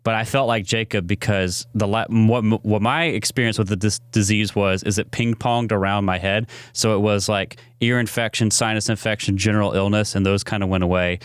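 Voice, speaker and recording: Chatty man with a smooth, low voice. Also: a little fast, few pauses, dry recording. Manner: chatty storyteller, animated when amused. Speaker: podcast co-host. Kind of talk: casual chat.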